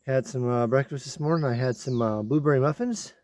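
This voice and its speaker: A man's voice: mid-range voice, brisk, darkish tone. Man rambling through a trail recap. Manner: plain rambling recap with fillers. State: out of breath while climbing. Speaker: thru-hiker vlogger. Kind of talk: casual video diary. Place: inside a tent at night; outdoors on a mountain trail.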